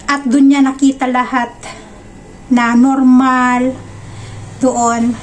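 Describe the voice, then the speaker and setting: A pregnant woman in her thirties with a high voice talks casually to her viewers and acts out what people said to her. There is a faint hiss of noise behind her. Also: slow. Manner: chatty, animated retelling with quoted dialogue. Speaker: vlogger.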